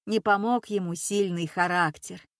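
A woman's voice: lowish voice, fairly even intonation, moderate pace, no echo, studio quality, natural voice. A woman reading a stern, bitter elderly grandmother in an audiobook, speaking bluntly and reproachfully. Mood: grieving. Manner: gruff, reproachful, plain-spoken. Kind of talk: audiobook character voice.

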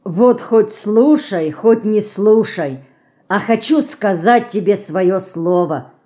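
A woman reading an audiobook, voicing an earnest village girl with Ukrainian-tinged rural speech who lectures slowly and solemnly. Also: fairly high pitch, animated, a little mellow, pitched above the performer's own voice. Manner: slow, solemn, folksy lecturing.

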